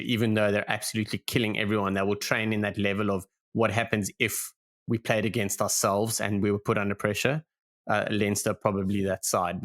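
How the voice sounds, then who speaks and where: A man's voice: lowish voice, a bit bright. A man with a South African accent, co-hosting a rugby podcast in a playful, teasing chat with frequent laughs. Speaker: podcast co-host. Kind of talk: casual chat.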